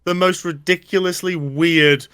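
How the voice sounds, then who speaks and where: A man's voice: sits high, steady tone, a little slow, fairly bright tone, clear, resonant tone, dry recording, clean studio sound. A man co-hosting a film podcast, chatting casually and enthusiastically about a comedy. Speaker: podcast co-host.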